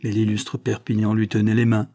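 A man reading a novel aloud in a measured, dramatic storytelling manner. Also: on the low side, monotone, warm tone. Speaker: audiobook reader. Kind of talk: audiobook narration.

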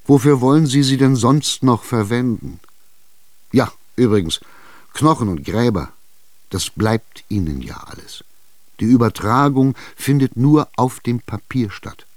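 A man's voice: mid-range voice, measured pace, pauses often, darkish tone, dry recording, pitched above the performer's own voice, lightly acted. A man playing a pushy, exasperated schemer. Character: impatient, scheming middle-aged male buyer. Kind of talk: radio drama reading.

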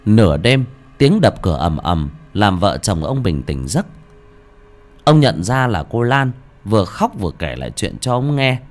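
A man giving dramatic, expressive scripted narration of a horror story. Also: lowish voice, unhurried. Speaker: audiobook narrator.

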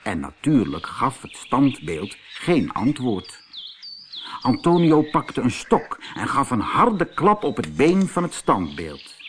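Kalme mannelijke voorlezer, traag. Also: male voice, mid-range voice, huge pitch swings, takes it slowly, a little hiss or hum. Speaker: narrator. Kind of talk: storybook reading.

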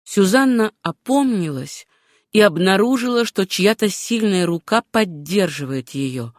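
A woman reads a novel aloud at an even, unhurried pace, her voice sitting in a middle register. The recording is dry and close, with no room sound at all, as in a studio audiobook. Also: medium pitch, no room sound. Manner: measured, unhurried reading. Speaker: audiobook narrator. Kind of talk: scripted narration of a novel.

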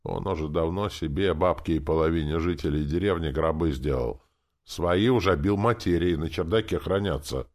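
A man's voice: rumbling low, normal speed, a little mellow. A man voicing a brash, crude young villager who talks in a mocking way.

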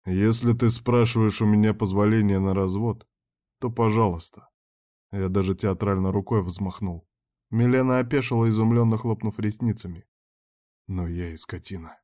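Low dark-voiced male audiobook narrator. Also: moderate pace. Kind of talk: first-person audiobook narration.

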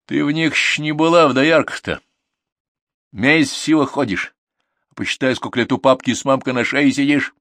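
A man voicing a big, stern older male farm manager who scolds in a raised, loud voice in an audiobook. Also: mid-range voice, steady tone, moderate pace, no echo, clean studio sound, voice pushed up, lightly acted. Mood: scolding. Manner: scolding, exasperated.

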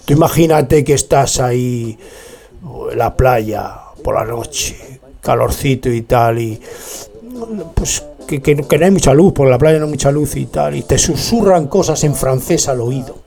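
A man from Spain hosting a radio show, talking in a chatty, digressive monologue full of animated asides. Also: medium pitch, measured pace, gravelly. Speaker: radio host playing music. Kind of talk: rambling casual monologue.

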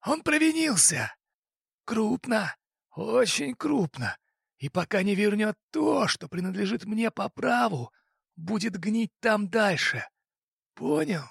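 A man doing a shrill, barking fat crime boss. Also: sing-song, a little slow, vocal fry, fairly bright tone, slightly rough, dry recording, studio quality, full character voice. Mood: furious. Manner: mocking, barking. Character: fat older male crime boss, bullying and hot-tempered.

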